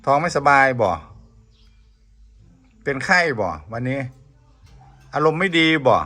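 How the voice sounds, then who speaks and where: A man's voice: medium pitch, animated, takes it slowly, pushed and bright. A man with a Northeastern Thai accent chatting casually and coaxingly, repeating short questions insistently. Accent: Northeastern Thai (Isan). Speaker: video host talking to a pet bird.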